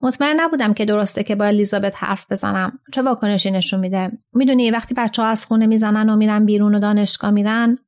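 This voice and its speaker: A woman reading the lines of a calm, measured old man in a storybook reading. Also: mid-range voice, lightly acted.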